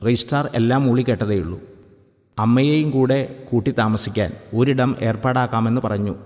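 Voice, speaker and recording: A man reading a story aloud in a calm, even storytelling manner. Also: medium pitch, normal speed, long reverb tail. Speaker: narrator. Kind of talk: scripted story narration.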